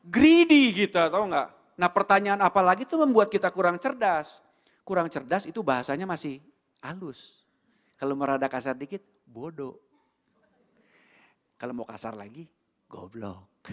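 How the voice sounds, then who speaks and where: A man with an Indonesian accent preaching a sermon in a church, animated and full of rhetorical questions, with English words mixed in. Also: on the high side. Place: church hall. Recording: long hall reverb.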